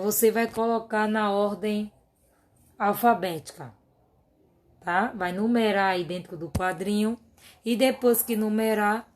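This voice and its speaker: A woman teacher with a Brazilian Portuguese accent, going over workbook exercises in a remote class and patiently dictating lists of words one by one. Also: mid-range voice.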